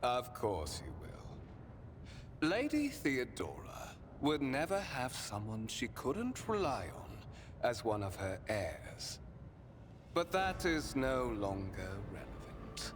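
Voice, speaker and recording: An actor playing a scheming, menacing video game villain who delivers theatrical, drawn-out monologues with smug mock courtesy. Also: male voice, mid-range voice, wildly swooping pitch, slight background noise. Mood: smug, condescending. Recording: loud music under the voice.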